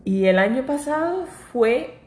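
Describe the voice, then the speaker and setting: A woman's voice: sits high, expressive, unhurried, darkish tone. A woman co-hosting a podcast in casual chat, telling her story with animation and laughs, and now and then mixing in English words. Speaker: podcast co-host. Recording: roomy echo.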